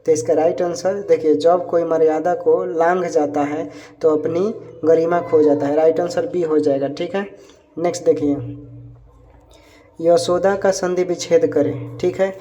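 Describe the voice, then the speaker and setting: Warm-voiced man teaching an exam practice lesson. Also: a little high, steady tone, unhurried. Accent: Hindi, Bihar. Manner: repeats answers, constant "theek hai" check-ins.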